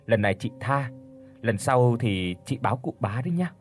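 A stern but soft-hearted young lady of the house, as a male narrator puts her on, her husky voice rising and falling widely. She scolds and comforts by turns, heard over a faint music bed in an audiobook. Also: medium pitch, lively intonation, normal speed. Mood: gentle. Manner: scolding, then soft and reassuring.

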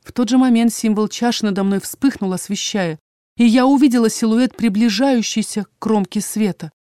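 A woman narrating a first-person fantasy audiobook in a measured, expressive way, on a close mic. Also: fairly high pitch, clear, resonant tone, no room sound.

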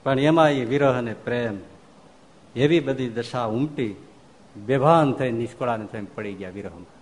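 Monk telling a devotional story. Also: male voice, mid-range voice, moderate pace. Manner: animated storyteller, acts out quoted speech. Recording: long hall reverb.

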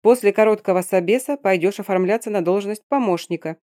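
A woman voicing a sharp, sarcastic female lawyer who speaks briskly and in a businesslike way. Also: medium pitch, dry recording, clean studio sound, lightly acted.

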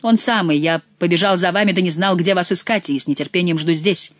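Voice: mid-range voice, a little fast, a bit bright, no room sound, close to an everyday voice. A reader voicing a brash young male courtier in an audiobook. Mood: boastful.

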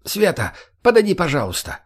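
A nervous middle-aged man , as a male narrator puts him on squeals in a high, shrill voice. His pitch jumps well above the narrator's own, tense and jittery, in this audiobook reading. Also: wildly swooping pitch, fairly quick, full character voice. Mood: purring, sweet. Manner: shrill, squealing under strain.

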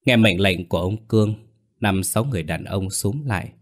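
Deep-voiced male ghost story narrator. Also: brisk.

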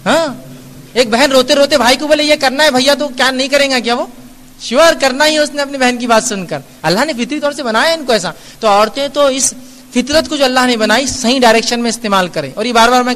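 A man's voice: very high-pitched, fairly bright tone, long reverb tail. A man giving a Q&A religious lecture, earnest and admonishing, explaining through everyday examples. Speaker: Islamic lecturer answering audience questions.

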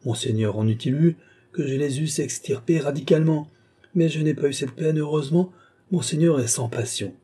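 A timid old duke, tutor to a prince, answering his king with anxious deference in a soft, husky tone, as a man reading aloud puts him on. He hesitates and hedges in the measured flow of an audiobook. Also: a little high, pitched above the performer's own voice. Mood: flustered.

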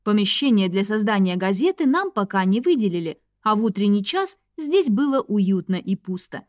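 A woman's voice: mid-range voice, sing-song, moderate pace, a little mellow, no room sound, studio quality. Woman narrating a wry fantasy audiobook.

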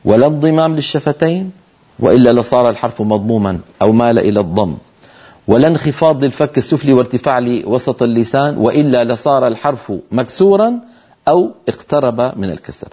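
Measured male tajweed teacher. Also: mid-range voice, animated, warm tone, breathy edge, muffled recording. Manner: demonstrates letter sounds, asks listeners to try along; measured, explanatory delivery. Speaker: Quran recitation teacher. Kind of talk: televised tajweed lesson.

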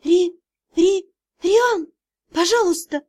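A woman's voice: extremely high pitch, animated, normal speed, darkish tone. A woman reading an audiobook, voicing the frightened young heroine, tense and pleading. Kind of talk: audiobook character voice.

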